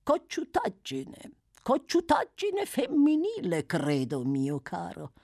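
Audiobook: reader voicing a wheedling old man, soft murmur, swooping pitch. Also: wildly swooping pitch, slow, creaky, no room sound, clean studio sound, heavily acted. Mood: sly murmur. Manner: murmuring, pensive. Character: sly old male fence, scheming and wheedling. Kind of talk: audiobook character voice.

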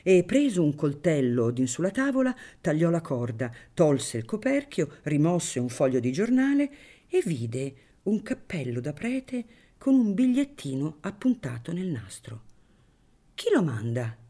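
A reader narrating a novel in an audiobook with expressive storytelling. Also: mid-range voice, unhurried.

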